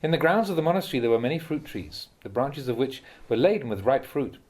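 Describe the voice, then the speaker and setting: A man with a mid-pitched voice reads translated Buddhist teachings audiobook-style, setting out each phrase clearly in a measured, instructive way. His reading is animated yet a little mellow.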